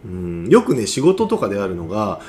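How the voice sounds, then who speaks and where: Lively Japanese-speaking man explaining play. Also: lowish voice, brisk, slight background noise. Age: adult. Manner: animated, conversational, often seeks agreement. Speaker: play researcher. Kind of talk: casual explanatory talk.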